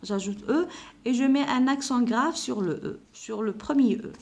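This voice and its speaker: A woman teaching a primary school lesson. She repeats words slowly, spells out letters and sounds, and slips in Arabic words to explain vocabulary. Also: on the high side, vocal fry, a little mellow. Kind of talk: slow classroom lesson explanation.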